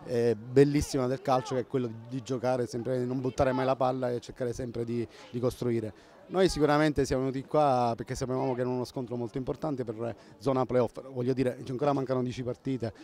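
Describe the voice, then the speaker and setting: A man in his fifties speaks in a creaky, dark voice of middling pitch. He is being interviewed outdoors after a football match. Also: steady tone, brisk. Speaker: football club representative. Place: outdoors by a fence at a football ground. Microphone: handheld interview microphone.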